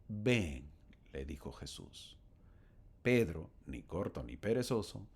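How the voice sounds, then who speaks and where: A man's voice: lowish voice, darkish tone, slightly rough. A man giving a conversational scripture lesson. He speaks to the listener as a friend, asks rhetorical questions and reads verses aloud. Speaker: gospel teacher.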